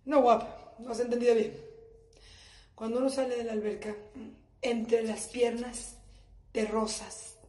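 A woman's voice: on the high side, little pitch movement, unhurried, pauses often, mellow. A woman doing a brash, profane comedic monologue for a live stream, recorded in an echoey bathroom at home. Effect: echoey bathroom acoustics.

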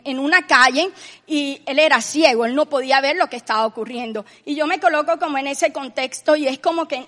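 High-voiced woman preaching in a reverberant room. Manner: earnest, builds to loud emphatic retelling. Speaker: co-host. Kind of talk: faith-based talk, preaching and retelling a Bible story.

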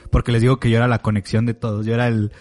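A man's voice: mid-range voice, racing. Young mexican man telling a story. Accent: Mexican Spanish. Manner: animated, laughing, acting out friends' lines. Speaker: podcast host. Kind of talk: casual storytelling among friends.

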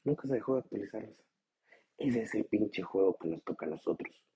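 A man with a Mexican accent hosts a motivational podcast in a blunt, profane, goading way. His voice sits a bit low and husky. The recording sounds dull and lo-fi. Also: expressive, brisk, mellow. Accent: Mexican Spanish. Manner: blunt, profane, swings into high mocking voices. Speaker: podcast host.

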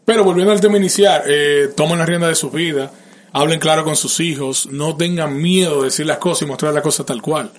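A man's voice: a little high, brisk. Earnest man giving parenting advice. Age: adult parent. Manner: earnest and advice-giving, addresses listeners directly; emotional and open about feelings. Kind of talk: casual conversation.

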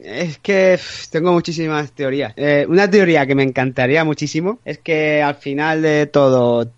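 A man's voice: on the high side, normal speed, no echo, lo-fi sound. A man co-hosting a podcast in casual chat, spinning theories with many hesitant fillers. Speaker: podcast co-host.

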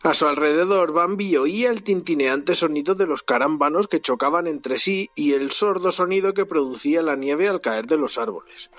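A father reading a storybook aloud to his child with animated, expressive delivery. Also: on the high side, normal speed, hardly any pauses, highs cut off, faint music behind.

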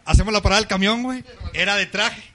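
A man's voice: sits high, pushed and bright. A young man with a Mexican accent telling a funny story in casual podcast chat, full of slang and laughing as he talks. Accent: Mexican Spanish. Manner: rapid slangy storytelling, constant "güey", laughs while talking.

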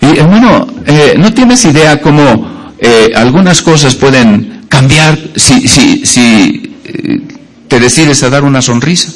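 A man's voice: medium pitch, expressive, slow. Folksy man preaching. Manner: anecdotal, folksy preaching with jokes and many fillers. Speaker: pastor. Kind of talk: sermon.

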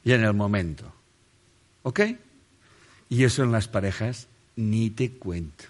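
On a spotlit stage before a seated audience, a male motivational speaker with a lowish voice talks at a measured pace. His talk is humorous and motivational; he jokes with the crowd, questions them directly and laughs often.

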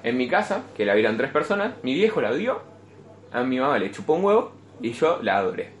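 A man's voice: medium pitch, fairly quick. A young man with a Rioplatense Spanish accent hosting a casual film podcast, blunt and swearing freely. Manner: blunt, swears freely, lively when excited. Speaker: podcast host. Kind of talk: casual film chat with friends. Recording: echoey room with faint noise.

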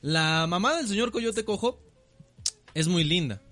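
A man's voice: high-pitched, animated, unhurried, sharp tone, soft background music. A man with a Mexican accent co-hosting a podcast, bantering crudely, teasing his partner and laughing a lot. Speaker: podcast co-host.

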